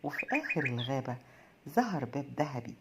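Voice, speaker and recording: A woman with an Egyptian Arabic accent narrates a children's bedtime tale in a gentle storytelling cadence. Her voice sits low for a woman. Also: sing-song, fairly quick, very noisy.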